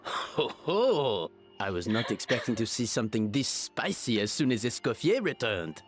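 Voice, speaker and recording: A man's voice: mid-range voice, big pitch swings, normal speed, big-room sound, close to an everyday voice. An actor playing a courtly male restaurant patron with a French accent and a theatrical, flamboyant manner.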